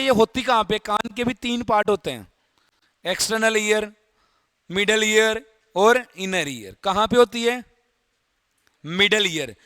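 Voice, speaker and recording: A man's voice: high-pitched, fairly bright tone, dry recording. A man teaching a biology class in a Hindi lecture, explaining step by step, repeating key terms and asking students questions. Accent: Rajasthani Hindi.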